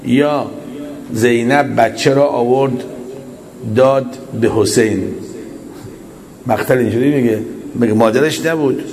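A man giving a religious sermon in a reflective, measured preaching manner, often posing rhetorical questions. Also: mid-range voice, darkish tone, low-quality recording. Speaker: cleric.

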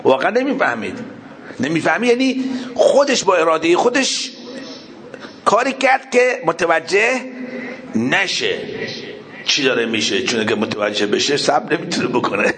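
Animated preacher with a lively voice. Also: male voice, pauses often. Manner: animated, acts out dialogue in raised voices, then drops to a low murmur; asks the audience questions and answers himself. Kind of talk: religious storytelling sermon.

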